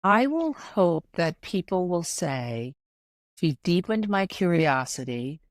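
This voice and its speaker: Older woman, interview guest, lowish voice, emphatic and animated, acts out dialogue, dry close sound. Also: slow pace, dry recording. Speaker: interview guest, arts executive. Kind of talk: conversational interview.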